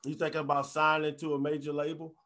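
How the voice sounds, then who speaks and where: A man's voice: on the high side, completely flat delivery, quick pace, a bit bright. A man with an American accent interviewing casually, agreeable and slangy, swearing freely. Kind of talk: casual chat.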